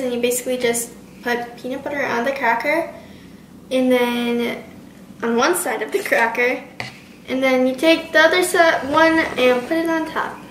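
A woman's voice: sits high, a bit bright, slight background noise. A teenage girl walking through a recipe at home in her kitchen, chatty and loose, full of "like" and "um", recorded on a nearby camera. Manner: chatty, explains steps with many "like" and "um". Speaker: home cooking vlogger. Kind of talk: casual cooking demo. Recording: roomy kitchen with clattering dishes.

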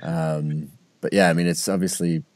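A man hosting a podcast, asking questions in a relaxed, chatty way. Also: low voice, normal speed, no echo. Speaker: podcast host. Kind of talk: casual interview questions.

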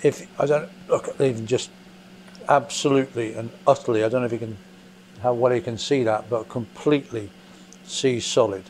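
An English man of middle pitch explains a motorcycle engine teardown step by step, thinking aloud as he goes. He is recorded on a camera mic above a basement workbench, with a faint extractor fan humming behind him. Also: fairly even intonation, moderate pace, a little mellow. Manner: plain, methodical, thinking aloud with fillers. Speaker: motorcycle mechanic presenter. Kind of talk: hands-on workshop demonstration. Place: basement workshop. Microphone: camera mic above the bench, hands only in frame. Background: extractor fan noise.

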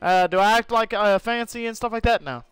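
High-voiced rambling male game streamer. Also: fairly quick, fairly bright tone, clean tone, no room sound. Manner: rambling, swears and laughs while playing. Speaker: gaming streamer. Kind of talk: casual live-stream commentary. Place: home room during a thunderstorm.

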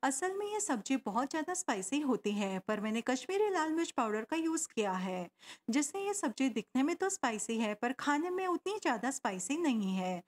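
A woman talks through a home cooking recipe. She explains step by step and adds tips along the way. Her voice is high and swings widely in pitch. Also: sing-song, normal speed. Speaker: cooking channel host. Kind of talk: recipe voice-over narration.

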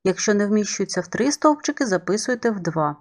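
A woman's voice: mid-range voice, animated, fairly quick. A woman math teacher giving a remote lesson voice-over, explaining each step patiently to young pupils.

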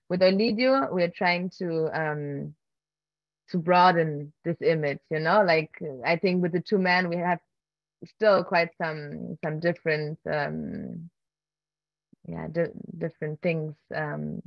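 A woman filmmaker, appearing as a keynote guest, gives conversational Q&A answers over a video call from a home room with wooden beams. Her laptop webcam mic makes her sound muffled, with no room sound. She speaks in a low, unhurried voice with vocal fry, hesitating with many fillers, restarts and soft laughs.

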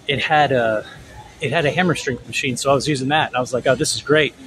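A man working as a fitness trainer, out of breath and talking in a halting, rambling way with many restarts. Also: mid-range voice. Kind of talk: casual gym vlog. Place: gym. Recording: noisy gym background.

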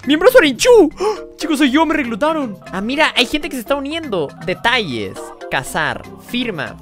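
A woman streamer giving jokey, excitable commentary while playing games. She swears in two languages and often breaks into yelps and shrieks. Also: sits low. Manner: jokey, swears in Spanish and English. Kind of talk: gaming commentary. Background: game music.

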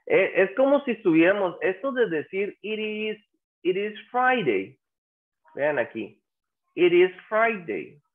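A man's voice: fairly high pitch, vocal fry, phone-quality sound. A man teaching a language class who patiently repeats example phrases and keeps asking his students questions. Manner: asks the class questions and prompts them to answer. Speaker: English teacher.

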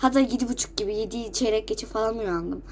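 A woman's voice: a little high, fast talker, a little mellow. Chatty sick teen girl with a cold. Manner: chatty, repetitive, keeps addressing friends. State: has a cold, coughing and runny nose. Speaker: vlogger. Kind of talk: casual chat to camera. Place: at home, just out of bed.

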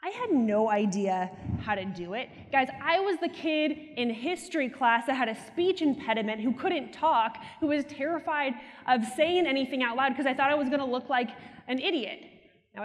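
A young woman giving an animated, teasing motivational keynote on a conference stage through a headset mic. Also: high voice. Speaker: keynote speaker. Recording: hall reverb from a conference stage.

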